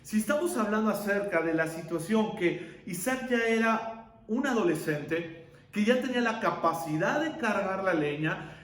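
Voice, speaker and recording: A male pastor preaching a sermon, asking rhetorical questions and pausing for effect. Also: sits high, animated, reverberant.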